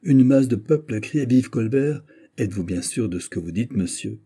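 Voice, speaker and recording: A man reading aloud voices an irate, scheming royal intendant with a sharp, hostile tone. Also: medium pitch, lively intonation, normal speed, husky. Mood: indignant.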